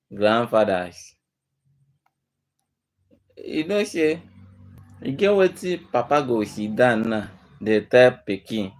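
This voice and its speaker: A man with a Nigerian accent giving informal advice in a Nigerian Pidgin manner, earnest and admonishing, repeating himself for emphasis. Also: mid-range voice. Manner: earnest, admonishing, rhetorical repetition. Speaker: speaker giving community advice.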